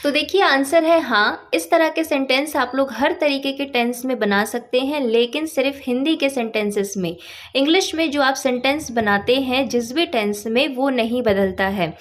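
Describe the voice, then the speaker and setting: A woman with a high, light voice gives a patient grammar lesson. She explains step by step, repeats her points and leans on the helping verbs for emphasis. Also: moderate pace. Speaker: English teacher.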